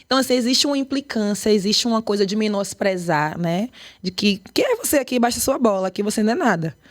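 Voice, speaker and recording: A woman with a Bahian Portuguese accent talks in a podcast interview, lively and emphatic. She is a choreographer and artistic director who tells her stories at a brisk, animated clip with a mid-pitched voice. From Brazil, Bahia.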